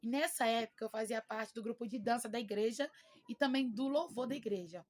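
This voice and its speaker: A woman's voice: a little high, fairly quick, a little mellow. Emotional Brazilian woman giving testimony. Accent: Brazilian Portuguese. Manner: emotional, repeats words for emphasis. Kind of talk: personal faith testimony.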